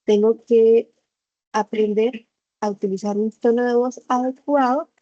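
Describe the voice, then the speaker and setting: A woman teacher explains things patiently in an online class. Her voice is mellow and rather dark. The sound is dry and a little muffled, as if it comes through a computer microphone on a video call. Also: on the high side, fairly even intonation, measured pace, dry recording. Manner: patient explaining, acts out examples.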